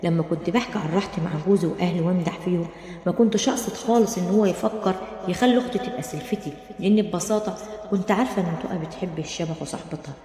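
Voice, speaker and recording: Egyptian woman, dramatic storyteller, low and fast, roomy echo. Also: mellow. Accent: Egyptian Arabic. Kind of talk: dramatic first-person storytelling. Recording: roomy, long reverb.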